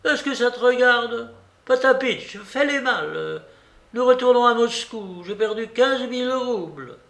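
A bossy, hot-tempered old grandmother, put on by a male reader, barks orders in a shrill, raised voice. Her scolding rings out in a roomy, echoing space. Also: lively intonation, unhurried, vocal fry, fairly bright tone, exaggerated voice. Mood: scolding, imperious. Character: imperious rich old Russian grandmother, quick-tempered. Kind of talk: audiobook character reading. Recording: roomy echo.

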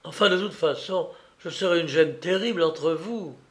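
A man's voice: on the high side, moderate pace, lightly acted. A man reading aloud voices a hesitant young woman whose voice is grave and musical. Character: sad young woman, then calmly decided.

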